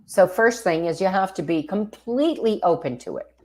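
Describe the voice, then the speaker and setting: A woman's voice: fairly low pitch, animated, normal speed, darkish tone. A woman co-hosting an inspirational talk show, upbeat and chatty, often talking to the viewers directly. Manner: upbeat, laughing, addresses viewers as folks. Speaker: co-host. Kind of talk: casual talk-show chat.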